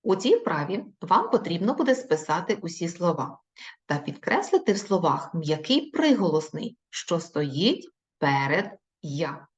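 A woman teaching young children in a recorded video lesson, speaking slowly in an encouraging, sing-song way. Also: on the low side, big pitch swings. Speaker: primary school teacher. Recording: dull lo-fi recording.

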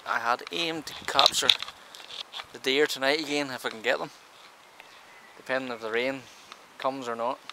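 A man in his thirties with a Northern Irish accent talks easily to a handheld camera out in the countryside, his voice gravelly with fry. Wind and outdoor noise sit clearly under the recording. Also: mid-range voice, normal speed. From Northern Ireland. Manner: easygoing, chatty, relaxed. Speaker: camping vlogger. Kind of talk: casual vlog talk to camera. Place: outdoors in a rural campsite and in a car. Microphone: handheld camera at arm's length.

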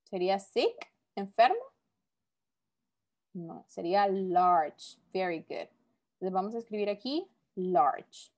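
A woman's voice: mid-range voice, very animated, slow, long pauses, darkish tone. A woman teaching a recorded English vocabulary lesson, explaining each word patiently and repeating it.

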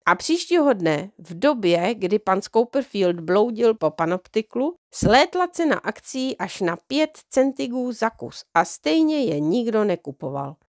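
A woman reads a children's storybook aloud at a mid pitch, calm and even. Her voice is slightly under the weather. The recording is close and dry, with no room sound. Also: hardly any pauses, no room sound. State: slightly unwell voice. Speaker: audiobook reader. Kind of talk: reading a children's book aloud.

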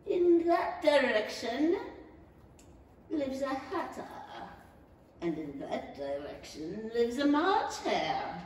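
An older woman playing a sly, mad, teasing cat in a radio play, with playful drawn-out delivery and meows. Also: high voice, sing-song, heavily acted. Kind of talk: 1930s radio play acting. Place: small indoor theatre stage, camera at a distance. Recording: echoey hall from far off, noisy.

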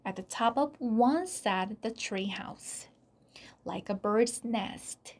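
A woman whose first language is Korean narrates a children's chapter book in a soft, deliberate way. Her voice sits slightly high. She reads slowly and calmly, giving each line room. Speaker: storybook reader.

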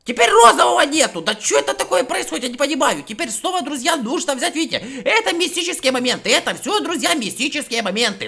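A man doing excitable, giggly Let's Play commentary, talking to his viewers as friends and repeating a nonsense catchphrase. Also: very high voice, creaky. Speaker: gaming video host.

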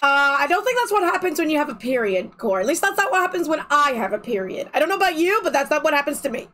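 A woman's voice: sits high, big pitch swings, quick pace, a bit bright. A woman streamer giving casual, joking live commentary on a video game.

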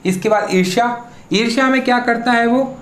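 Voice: medium pitch, a little fast, fairly bright tone. A teacher giving an exam-prep spelling lesson, who asks questions and then answers them, and spells words out syllable by syllable. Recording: echoey room.

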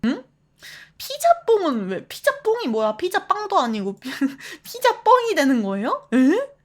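A woman streamer chatting casually with her viewers, animated, laughing often and reading the chat aloud. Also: very high-pitched, measured pace.

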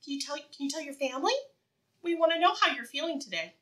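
Recorded from a distance, this high-voiced woman teaches preschoolers in a read-aloud style. Her speech is simple, encouraging and animated, full of repeated phrases and questions, and she waits for the kids to answer.

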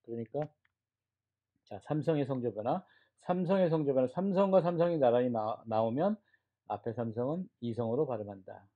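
A man's voice: medium pitch, lively intonation, brisk, phone-quality sound. A man teaching a beginner Chinese class, explaining tones and drilling syllables aloud for students to repeat. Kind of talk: classroom lecture.

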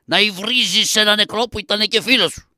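Man voicing a bossy puppet-play official who scolds and issues fines; high, clean, bright voice. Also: no echo, clean studio sound. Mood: scolding. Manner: scolding, commanding. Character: stern male official handing out fines, bossy. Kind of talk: traditional shadow-puppet theatre.

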